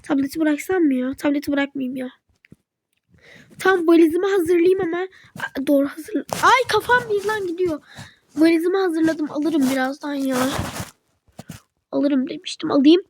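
A woman's voice: sits high, steady tone, normal speed, pauses often, a little mellow, a little hiss or hum. A woman narrating a game role-play, talking to herself in a whiny, complaining way with sighs. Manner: talks to herself about chores.

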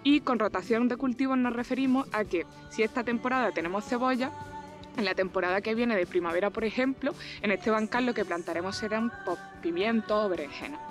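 A woman's voice: fairly high pitch, fairly quick, over music. A woman farmer explaining her growing methods in a plain, explanatory way. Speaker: organic farmer. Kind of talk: explaining in an interview.

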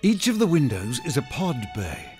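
In a sci-fi audio drama, an actor plays a scholarly, fussy older professor and space explorer who dictates his marvelling observations with awe and fascination. His medium-pitched, natural voice is a little mellow, moves at a moderate pace with big pitch swings, and has faint music behind it.

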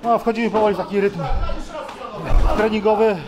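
A sweaty man around forty answers questions in a halting way, often restarting his words, his voice fairly high for a man. He talks into a handheld mic in an indoor gym, with a loud crowd of people training all around. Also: steady tone. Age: about 40. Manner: halting, with many restarts and fillers. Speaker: kickboxer being interviewed. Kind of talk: casual interview answers. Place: busy indoor fight gym during training. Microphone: handheld interviewer mic.

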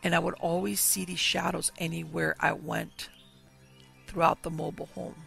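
A podcast host reads listener ghost stories at a measured pace, his voice heavy with gravelly fry and pitched a bit above the usual male range. Soft, quiet music plays beneath him.

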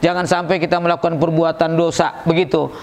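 A middle-aged man, giving a humorous Ramadan sermon. He tells jokes, acts out the voices in his stories, and jumps up high and loud to stress a point. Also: flat delivery, fairly quick, gravelly. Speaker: preacher at a school Ramadan program.

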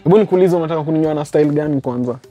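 A man's voice: a little high, racing, lo-fi sound. A young man with a Kenyan accent, bantering playfully on a dating game show. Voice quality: jokey, mixing Swahili slang and English. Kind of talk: casual banter. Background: music.

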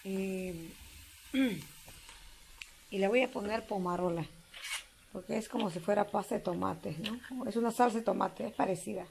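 A woman's voice: medium pitch, moderate pace, vocal fry, pauses often, a little mellow, slight background noise. A woman with a Peruvian accent, chatting homily to her viewers while cooking in a farmhouse kitchen. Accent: Peruvian Spanish. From Peru. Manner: chatty, homey, keeps addressing viewers as friends. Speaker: vlogger. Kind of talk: casual cooking vlog chat. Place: family home kitchen on a farm.

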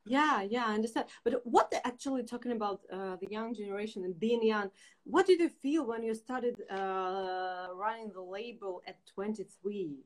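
Young woman host, halting, plain mid voice. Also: mid-range voice, low-quality recording. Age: young adult. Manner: halting, many uh fillers, simple phrasing. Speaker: interviewer, host. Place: bright room at home. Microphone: laptop webcam on video call.

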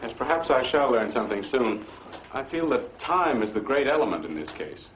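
An actor playing a middle-aged doctor, earnest, precise and formal, in a 1950s film. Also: male voice, mid-range voice, very animated, normal speed, fairly bright tone, a little hiss or hum. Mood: grave, concerned. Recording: muffled old 1950s film soundtrack.

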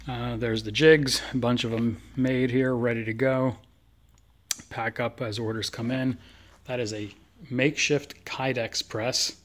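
A man's voice: mid-range voice, flat delivery, unhurried, a little hiss or hum. A man giving a casual tour of his home garage workshop, filmed on a handheld phone, chatting about his tools with plenty of fillers. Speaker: knife maker giving a shop tour. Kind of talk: casual shop tour walkthrough. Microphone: handheld phone camera.

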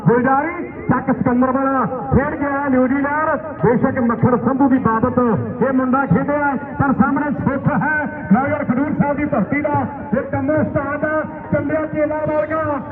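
A man's voice: very high-pitched, fairly even intonation, moderate pace. A man with a Punjabi accent announcing and commentating at a rural kabaddi match in a declamatory way. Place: outdoor village sports ground. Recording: tinny echoing PA, distant, noisy.

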